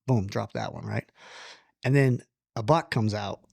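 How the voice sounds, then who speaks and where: A man telling a long personal story in casual conversation, animated, blunt and self-deprecating, with the odd curse word. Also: fairly low pitch, a little slow, vocal fry, dry recording, studio quality. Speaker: podcast guest.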